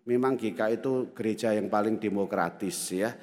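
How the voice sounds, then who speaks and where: Older pastor in reverberant hall. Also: male voice, on the low side, a little fast, darkish tone. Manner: folksy, keeps addressing the congregation as "brothers and sisters". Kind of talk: storytelling sermon. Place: church hall. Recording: long reverb of a church hall.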